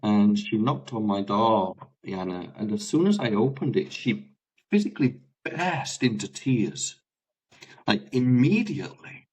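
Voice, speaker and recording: A man's voice: on the low side, measured pace, rough recording. An English man, a life coach, telling stories in casual conversation, acting out the dialogue. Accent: British English. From England. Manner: animated, acts out quoted dialogue with laughs. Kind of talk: conversational storytelling.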